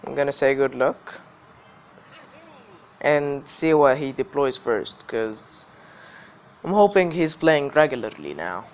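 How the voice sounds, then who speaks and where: A man's voice: mid-range voice, lively intonation, takes it slowly, long pauses. A man hosting a gaming video with casual gameplay commentary, his voice slightly affected by illness. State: slightly ill voice.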